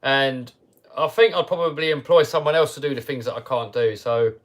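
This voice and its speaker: A man with a mid-range voice talks a little fast while hosting a casual livestream. Chatty and relaxed, he laughs often and reads questions from the chat aloud.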